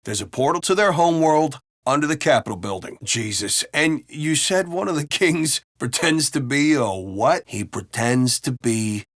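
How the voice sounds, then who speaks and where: A male actor, lightly acting, voices an argumentative, foul-mouthed city cop with an American accent for a video game, trading wry, casual banter. His pitch runs slightly high for a man with lively swings, delivered at normal speed with few pauses. The audio is dry and nearly clean, without room sound.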